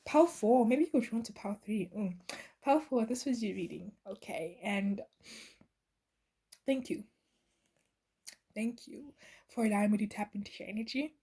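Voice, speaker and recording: A woman's voice: mid-range voice, animated, moderate pace, pauses often, mellow, breathy edge. A woman giving a channeled tarot reading to her viewers, earnest and meandering, with many fillers and restarts. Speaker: tarot reader.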